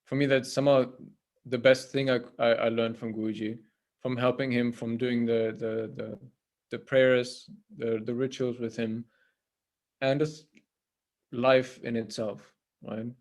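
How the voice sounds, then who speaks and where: A man's voice: medium pitch, flat delivery, measured pace, a little mellow. A man giving an informal spiritual talk over a video call. He hesitates, repeats words and keeps checking in with "right?". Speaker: temple priest and guest speaker.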